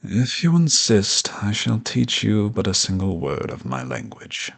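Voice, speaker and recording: Man voicing a deep, gravelly, haughty dragon professor. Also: huge pitch swings, unhurried, full character voice. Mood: haughty, coaxing. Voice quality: gravelly, husky low voice. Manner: pompous, condescending, ornate formal diction. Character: haughty ancient dragon professor, male, condescending yet flirtatious. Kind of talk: scripted audio roleplay monologue addressed to the listener.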